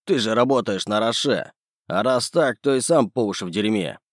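A male audiobook reader voicing a gruff, bullying middle-aged businessman. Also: lowish voice, expressive, normal speed, no room sound, studio quality, natural voice. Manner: sneering, bullying.

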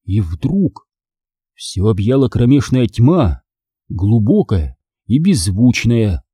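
A man's voice: lowish voice, sing-song, slow, mellow, slightly rough, dry recording, clean studio sound. A man narrating an audiobook with dramatic storytelling. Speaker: audiobook reader.

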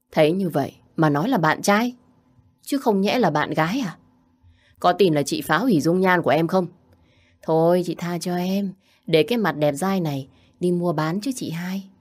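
A woman's voice: lowish voice, a little mellow. A woman voicing a cheeky, talkative teenage younger brother with a playful, teasing manner in a spoken story.

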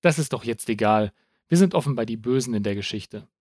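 A man voicing a tough, sharp-tongued woman politician who speaks curtly and bluntly. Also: mid-range voice, lively intonation, brisk, dry recording, clean studio sound, lightly acted. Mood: resigned. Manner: curt, blunt and exasperated.

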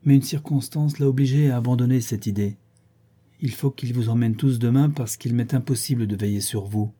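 A man reading the lines of a calm, devoted young English gentleman in an audiobook, gentle and reassuring. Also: mid-range voice, a little fast, breathy edge, close to an everyday voice.

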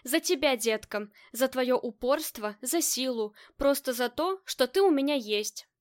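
A woman's voice: high voice, animated, measured pace, no room sound, studio quality. Woman reading as a fond teasing husband. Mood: tender. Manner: tender, playful. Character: affectionate teasing husband, grown man.

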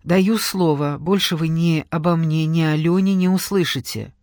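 Hesitant, grieving young woman, polite and soft, voiced by a male reader. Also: a little high, moderate pace, no room sound, studio quality, natural voice. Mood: pleading.

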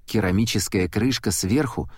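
A man narrating an audiobook in a steady, measured reading voice. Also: on the low side, slightly rough, dry recording, studio quality.

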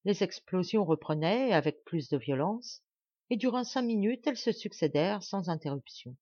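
A woman reading a classic novel aloud as an audiobook in calm, even storytelling. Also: lowish voice, normal speed, no room sound, muffled recording. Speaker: audiobook reader. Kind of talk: scripted narration of a classic novel.

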